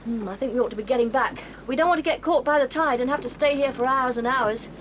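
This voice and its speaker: A woman's voice: high voice, fast talker, close to an everyday voice, rough recording. A woman playing Julian, a sensible boy who leads the other children, earnest and bossy in a 1980s audio drama. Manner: earnest, bossy, takes charge. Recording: hissy old cassette tape.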